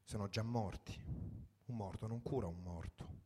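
A man with a husky, warm, low-leaning voice reads a first-person story for radio at a moderate pace. It is a dramatic literary reading, delivered in short sentences with a reflective, wry manner.

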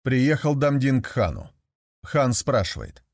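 A man narrating a folk tale in a measured storytelling manner. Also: medium pitch, sing-song, no echo, studio quality.

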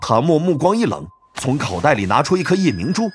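A man narrating a novel audiobook in a dramatic, expressive storytelling manner. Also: on the high side, brisk, soft background music.

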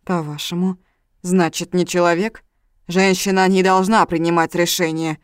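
A woman voicing an enraged, proud older brother who shouts with contempt. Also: lowish voice, flat delivery, moderate pace, clean tone, no echo, studio quality, close to an everyday voice. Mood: contemptuous.

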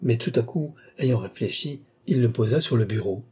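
A man narrating a classic novel in a steady, measured audiobook reading. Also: mid-range voice, husky. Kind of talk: scripted narration.

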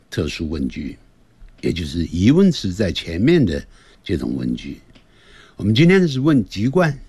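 A man's voice: low-pitched, darkish tone, slightly rough, dry recording. A man teaching a radio language lesson, patiently explaining and modeling example sentences. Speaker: English teacher.

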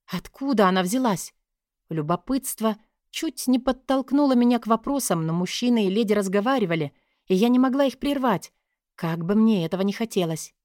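A woman narrates a first-person fantasy story in an even, measured reading voice, her pitch in the middle range. The recording is close and dry, with no room sound. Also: dry recording. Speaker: audiobook narrator.

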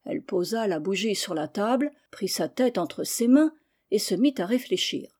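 A woman reading a humorous novel aloud in a steady storytelling manner. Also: mid-range voice, normal speed, husky. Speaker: audiobook reader.

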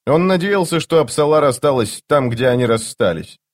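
A man reading a fantasy novel aloud in an even, measured narration. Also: fairly high pitch. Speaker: audiobook narrator. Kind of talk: scripted narration.

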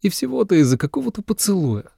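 A man's voice: high voice, very animated, fast talker, creaky, dark tone, slightly rough, no room sound, studio quality, voice pushed up, full character voice. A man voicing a cocky, teasing young bridegroom in an audiobook, with a smug manner. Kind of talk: audiobook character voice.

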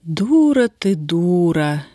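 Женщина читает реплики сердитой, резкой на язык молодой крестьянки, ругающейся простонародной речью. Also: female voice, mid-range voice, lively intonation, unhurried, no echo, clean studio sound, lightly acted. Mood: scolding. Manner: gruff, scolding, folk speech. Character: grim, sharp-tongued young peasant woman, bound.

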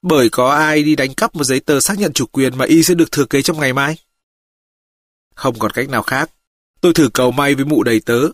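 A man as a calm, methodical detective. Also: mid-range voice, dry recording, studio quality, lightly acted. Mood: measured. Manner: steady, measured reporting. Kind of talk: audiobook reading.

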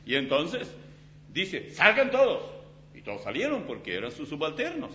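A man preaching a sermon as pastor in a church, in an animated, dramatic way with vivid illustrations. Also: fairly high pitch, normal speed. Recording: slightly dull recording with faint hum.

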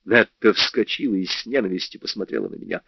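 A man reading a first-person crime novel aloud in an expressive, dramatic way. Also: fairly low pitch, quick pace, creaky, no room sound. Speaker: audiobook reader. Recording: dull, lo-fi dry recording.

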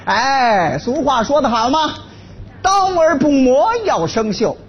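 A man's voice: extremely high pitch, very animated, slow pace, husky, dull audio, heavily acted. An actor in a comedy sketch playing a laid-off husband who brags about his wife, then fawns over her. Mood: blustering. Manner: blustering, then fawning and servile. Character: boastful henpecked laid-off husband. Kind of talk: stage comedy sketch acting.

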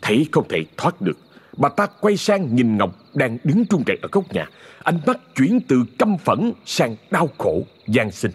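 A man narrating a horror story in a dramatic, expressive scripted reading. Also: medium pitch, unhurried, slightly rough.

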